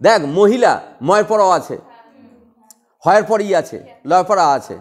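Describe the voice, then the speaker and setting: A man lecturing a class of students, firing short questions and repeating them until they answer. His voice sits high and moves in wide, animated leaps. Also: moderate pace. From West Bengal. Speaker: teacher.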